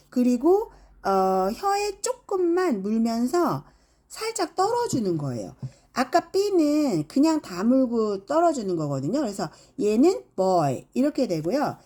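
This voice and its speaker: A woman's voice: a little high, mellow. A middle-aged woman teaching English phonics, demonstrating each sound with exaggerated examples. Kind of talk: phonics lesson.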